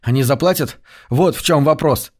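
A man voicing a gruff, burly gambler who talks bluntly. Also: a little high, normal speed, lightly acted. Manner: growling, blunt.

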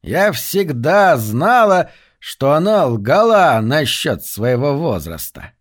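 Male narrator voicing an older woman, shrewd and knowing, raised pitch. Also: animated, normal speed, close to an everyday voice. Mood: triumphant. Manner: knowing, triumphant. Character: elderly woman, sly and shrewd.

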